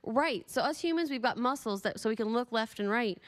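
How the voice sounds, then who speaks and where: A woman's voice: fairly high pitch, lively intonation, a little fast. A woman zoo educator answering interview questions in an explanatory, informative way.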